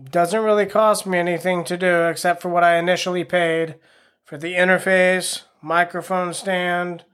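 A man's voice: high-pitched, little pitch movement, normal speed, a bit bright, smooth. A man hosting his own podcast, talking casually in a rambling, frank and self-deprecating way into a home microphone. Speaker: podcast host. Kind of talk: casual solo podcast monologue.

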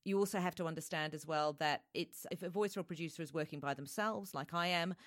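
Low-voiced woman explaining earnestly. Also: fast, no room sound, studio quality. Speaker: voice reel producer and director, guest. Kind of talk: conversational interview answers.

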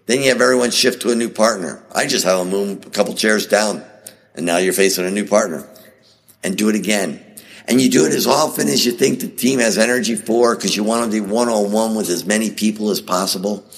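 Man, very deep voice, podcast host, conversational teaching, rhetorical questions, reverberant hall sound. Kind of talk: teaching podcast with scripture reading.

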